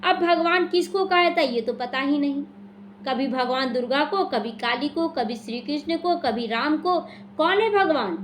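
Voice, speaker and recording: A woman's voice: high voice, lively intonation, moderate pace, a little hiss or hum. A woman teaching a devotional class, explaining scripture and answering her own questions. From India. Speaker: spiritual teacher explaining the daily murli. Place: small prayer hall.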